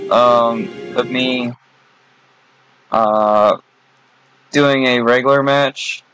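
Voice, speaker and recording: A man's voice: mid-range voice, a bit bright, poor audio. Nasal-voiced man giving hesitant gameplay commentary. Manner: hesitant, many filler pauses. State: nasal, stuffed-up voice. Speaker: gaming video creator. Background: game music.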